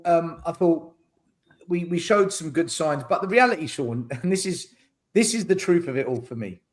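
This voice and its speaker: A man's voice: fairly high pitch, lively intonation, normal speed. A man giving blunt, emphatic football opinions on a podcast over a video call. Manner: blunt, emphatic, repeats his points. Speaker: podcast panelist. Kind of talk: casual football chat.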